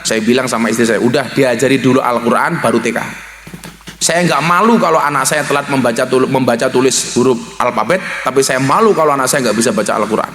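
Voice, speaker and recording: A man preaching a humorous religious sermon with a Javanese accent, joking with the audience and acting out voices with big swings in pitch. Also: fast talker, a bit bright. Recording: echoey hall with faint noise.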